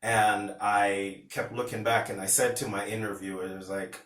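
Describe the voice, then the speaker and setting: A male vlogger from Pennsylvania, USA, recounts a personal story to camera in a casual, meandering style full of restarts and retold conversations. His delivery is flat, his voice fairly low and a bit bright, at a moderate pace, captured distantly in a roomy-sounding recording.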